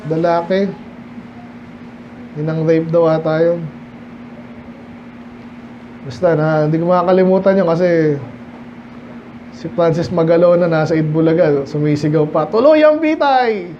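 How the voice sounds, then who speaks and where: Guy preaching bible study in church, kinda high voice, asks the crowd stuff, muffled recording w/ faint hiss. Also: flat delivery, a little slow, pauses often, mellow. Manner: explains English verses in conversational Filipino, rhetorical questions. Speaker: pastor. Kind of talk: midweek Bible study sermon.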